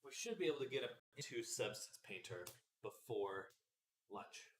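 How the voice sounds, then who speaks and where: Lively-voiced man chatting on stream. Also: medium pitch, moderate pace, slight background noise. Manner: relaxed, joking, chatting with viewers while working. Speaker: avatar artist streaming his work. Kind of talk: casual livestream chat.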